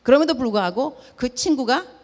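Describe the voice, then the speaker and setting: Her high voice trailing a long reverb, a woman missionary preaches a storytelling sermon at normal speed. She performs the dialogue with lively flair and sprinkles in English words.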